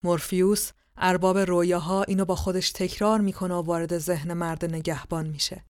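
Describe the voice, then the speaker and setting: Lower-voiced woman narrating a dark tale. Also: level tone, no room sound, studio quality. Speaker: podcast storyteller. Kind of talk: scripted story narration.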